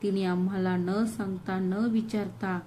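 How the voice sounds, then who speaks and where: A woman voicing a scornful, bitter older mother-in-law in an audio story, shrill and accusing. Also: flat delivery, a little slow, dark tone, slight background noise, natural voice, rough recording.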